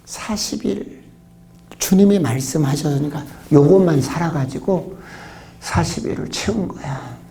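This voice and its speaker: Man pastor, dark mellow voice, emotional revival testimony, slips into whispers, faint hum behind. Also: on the high side, a little slow, gravelly. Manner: emotional storytelling, often dropping to a hushed whisper.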